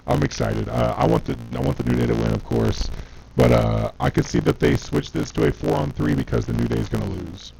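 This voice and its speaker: A man's voice: medium pitch, wildly swooping pitch, fairly quick, gravelly, dark tone, faint music behind. A man in casual chat, his voice coming through with a robotic, transformer-like distortion, rambling with many fillers. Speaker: podcast co-host.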